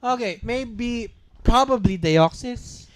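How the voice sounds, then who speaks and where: A woman's voice: a little high, animated, slow. A woman co-hosting a casual gaming podcast, chatty and teasing, laughing often. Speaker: podcast co-host. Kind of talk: casual chat.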